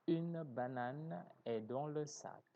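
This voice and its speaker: Very slow, deliberate male teacher. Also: on the high side, dull audio. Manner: slow, deliberate, carefully articulating words; corrects himself mid-sentence. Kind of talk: beginner French lesson.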